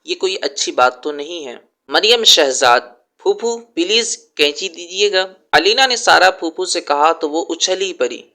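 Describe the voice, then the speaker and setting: A man narrating a scripted story in a measured, plain storytelling way. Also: a little high, lively intonation, pushed and bright.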